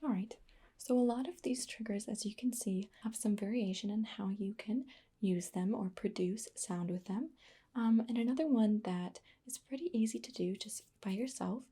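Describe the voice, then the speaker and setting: Woman whispering asmr, breathy and mellow, soft and slow with lots of ums. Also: mid-range voice. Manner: soft whispering with frequent fillers. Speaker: ASMR artist.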